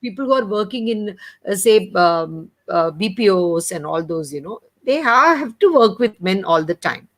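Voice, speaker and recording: A woman's voice: medium pitch, lively intonation, normal speed, few pauses, a bit bright. A woman with an Indian accent, explaining her views in a casual panel discussion. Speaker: coach.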